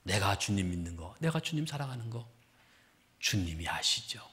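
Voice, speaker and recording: A male pastor preaching a sermon in a church, swinging between loud emphasis and hushed, whispered lines. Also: fairly low pitch, very animated, normal speed. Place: church sanctuary.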